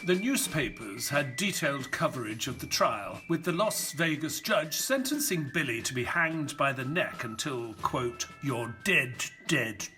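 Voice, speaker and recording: An actor playing Doctor Watson, an earnest, inquisitive companion and storyteller in an audio play. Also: male voice, medium pitch, measured pace, few pauses, lightly acted. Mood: dramatic narration. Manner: expressive, storytelling delivery. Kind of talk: audio play acting and narration. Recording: music behind the voice.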